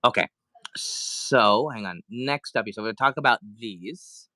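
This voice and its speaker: This livestream toy seller is sick with the flu but still chatty, greeting viewers and counting down offers in a casual live sale. His mid-range voice is unhurried with a sharp edge, and the recording is dry.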